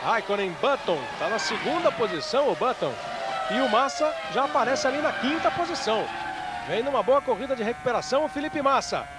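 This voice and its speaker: A Brazilian man delivers live motor racing commentary in a high-pitched voice. He is an emphatic play-by-play motorsport commentator who hammers key phrases by repeating them. Clear car and track noise runs behind him. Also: expressive, fairly quick. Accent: Brazilian Portuguese. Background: race cars and outdoor ambience.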